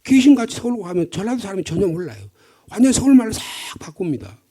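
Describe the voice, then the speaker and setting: A man's voice: high-pitched, sing-song, fast talker, mellow, slightly rough. A middle-aged male pastor from the Gyeongsang region with a Gyeongsang accent, preaching an early-morning sermon in a conversational, storytelling way with rhetorical questions. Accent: Gyeongsang Korean. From Gyeongsang region, Korea.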